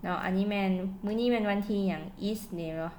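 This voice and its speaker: A woman with a Lao accent teaching English at home. She says English phrases slowly and carefully, then quickly translates each one. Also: mid-range voice, a little mellow, a little hiss or hum. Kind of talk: casual spoken lesson.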